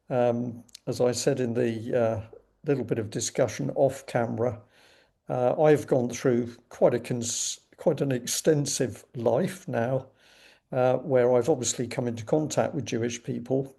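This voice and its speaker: A middle-aged man hosts a conversational interview with courteous, measured formality. His voice is dark and mellow, with a husky edge and some gravelly fry. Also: medium pitch. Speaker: interview host.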